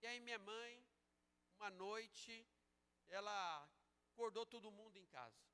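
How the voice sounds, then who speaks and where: A man preaching a sermon as a pastor, moving between slow emphatic calls and quieter storytelling. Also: high voice, smooth. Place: church sanctuary. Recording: church sanctuary with long reverb.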